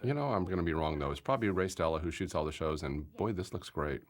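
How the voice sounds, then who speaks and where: A man with a very low voice that still swoops up and down with lively expression, chatting in a relaxed commentary about an episode he directed. He jokes and teases his partner, animated and playful. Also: quick pace. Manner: joking, teasing, animated. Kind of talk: casual DVD commentary chat.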